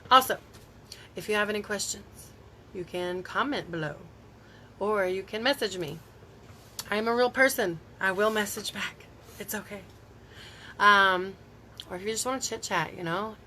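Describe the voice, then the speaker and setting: Chatty woman on a bright live stream. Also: mid-range voice, normal speed, long pauses, slight background noise. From Tennessee. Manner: chatty and rambling, laughs often, reacts to viewer comments. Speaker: beauty vlogger hosting a live stream. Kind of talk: casual live-stream chat. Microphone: phone.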